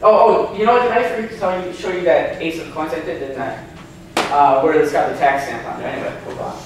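A casual seminar presenter in his 30s, with a slightly high voice and big pitch swings, talks fast through an informal slide lecture, full of ums and restarts while quizzing the audience. He is heard from far away in a reverberant indoor hotel meeting room, captured by a distant camera with no handheld mic, plus a little hiss or hum.

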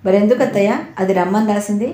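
A woman's voice: mid-range voice, steady tone, fast talker, mellow, close to an everyday voice. Woman reading as an impatient scolding elder sister. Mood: fretful. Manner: scolding, exasperated. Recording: roomy echo.

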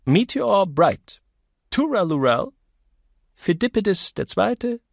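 A man voicing an indignant young woman office clerk in an audiobook, shrill and bossy. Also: very animated, takes it slowly, gravelly, no echo, clean studio sound, exaggerated voice.

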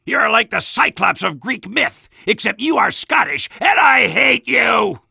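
An actor playing a gung-ho, belligerent American army soldier in a video game, barking bombastic orders and insults in a raspy, gravelly shout. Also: male voice, very high voice, animated, measured pace, dry recording, clean studio sound, heavily acted. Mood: gloating, belligerent.

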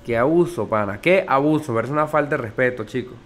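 A man with a Venezuelan Spanish accent giving excitable, swearing gameplay commentary as a gaming YouTuber. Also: medium pitch, fast talker. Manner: excitable, swearing, joking with viewers.

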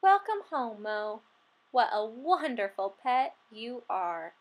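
A kind, gentle schoolteacher who loves her pupils' pets, read by a woman. She speaks high and sing-song, slow and lilting, with lively rises and falls, like a picture book read aloud. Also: lo-fi sound, exaggerated voice. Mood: tender.

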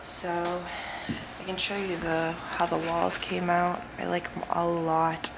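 A young adult woman casually vlogs while walking through an empty house with bare rooms, rambling with lots of fillers. Her voice is lowish, level, slow and creaky. Filmed on a handheld camera at arm's length, the audio echoes off the empty room, with audible noise.

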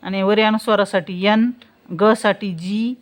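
A woman teaching spelling step by step, saying example words slowly and answering her own questions. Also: medium pitch, fairly even intonation. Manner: slow, drawn-out pronunciation of example words, asks questions and answers them herself. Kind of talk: spelling lesson, explaining step by step.

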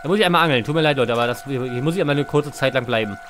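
Talking very fast in a medium-pitched voice, a man hosts a let's play, playfully reading the game's text aloud and cracking jokes while casually commenting. Faint game music plays in the background.

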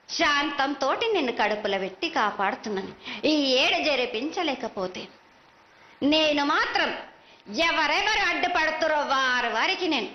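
A woman oracle delivers ritual prophecy in a high, piercingly bright voice with a Telangana accent. She declaims as a mother goddess, commanding and repetitive. The live sound is echoey. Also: muffled recording. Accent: Telangana Telugu. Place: live temple festival ceremony. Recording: echoey, band-limited live broadcast with faint noise.

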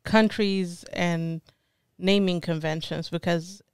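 A young woman hosting a podcast, raised in Ethiopia or Eritrea, asks curious questions in a loose, chatty way. Her voice is smooth, clear and a little low, and the sound is close and dry with no room echo. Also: fairly even intonation, slow. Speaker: podcast host. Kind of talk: casual interview questions. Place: podcast studio, seated on a couch.

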